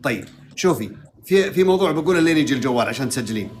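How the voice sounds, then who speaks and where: A man, a sheikh giving advice to a caller in a lively, teasing, quick way. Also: medium pitch, slight background noise. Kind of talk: live call-in advice.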